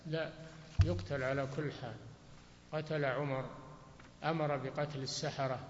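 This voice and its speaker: A man's voice: medium pitch, steady tone, moderate pace, a little hiss or hum. A man answering religious questions in a lecture, giving brief and firm rulings. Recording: dull echoey hall recording.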